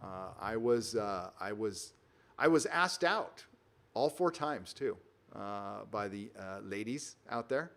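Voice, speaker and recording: A man's voice: lowish voice, animated, slow, gravelly, a bit bright. A man from Southern California hosting a casual livestream from a rented home on the road, reading out viewer donations and talking in an emphatic, rambling way with frequent restarts. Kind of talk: casual live-stream commentary.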